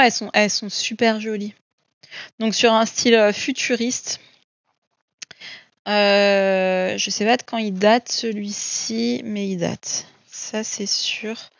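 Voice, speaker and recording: A chatty woman with a mid-range voice shows her coloring books, gushing and peppering her talk with "euh" and repetitions. There's no room sound, and the audio comes across dull and dry.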